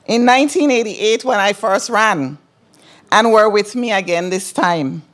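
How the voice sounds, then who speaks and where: Middle-aged woman, mid-pitched, Virgin Islands Crucian accent, delivering a formal senator's speech of thanks with personal asides. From Saint Croix, US Virgin Islands. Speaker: newly elected senator. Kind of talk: ceremonial thank-you speech.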